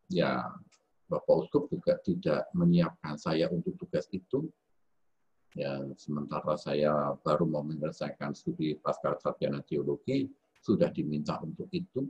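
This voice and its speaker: Low-voiced priest, halting and reflective. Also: male voice, a little mellow, slightly rough, highs cut off. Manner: halting, with many fillers and self-corrections. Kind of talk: reflective spoken lecture. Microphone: video call.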